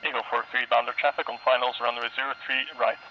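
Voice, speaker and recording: Guy doing quick clipped pilot calls over the radio, muffled, bit of hiss. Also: mid-range voice, little pitch movement. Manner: clipped, procedural. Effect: pilot speaking over the radio. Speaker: pilot in a flight sim.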